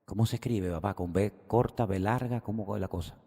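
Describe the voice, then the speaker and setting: A man's voice: lowish voice, brisk, mellow, slightly rough, big-room sound. A man voicing a young boy who asks his father for help with homework, in a church sermon joke. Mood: pleading.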